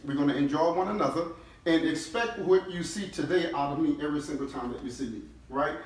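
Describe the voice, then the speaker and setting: With a slightly high voice and a quick pace, a middle-aged chief executive from New Orleans, United States, rallies his employees in a team-building session. He speaks emphatically and frequently asks short questions, with room echo, a distant mic and faint noise in the recording.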